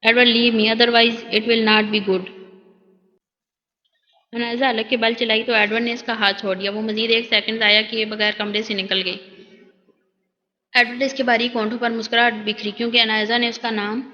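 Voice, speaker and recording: Female audiobook narrator; steady, monotone novel reading, dull lo-fi sound with a long reverb tail. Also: on the high side.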